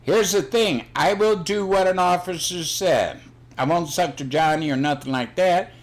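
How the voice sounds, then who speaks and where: A man's voice: high voice, normal speed. An older man chatting casually on his own livestream, blunt and rambling, swearing freely. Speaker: livestream host. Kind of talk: casual chat.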